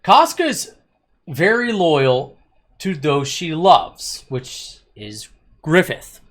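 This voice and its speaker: With a high-leaning, slightly bright, sing-song voice, the anime channel host talks very slowly. His casual review is rambling, opinionated and tinged with sarcasm.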